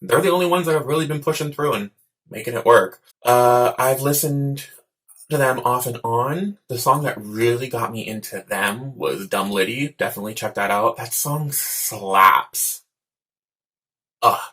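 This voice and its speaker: A man's voice: mid-range voice, sharp tone. A man giving casual reaction commentary as a host, talking in an effusive, campy, slangy way. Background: music videos playing.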